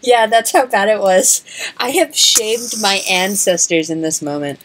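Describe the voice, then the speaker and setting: A woman's voice: medium pitch, a little slow, low-quality recording. A young woman hosting a let's-play, chatting playfully in a sing-song way. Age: young adult. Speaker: gaming channel host. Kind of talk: casual let's-play chat.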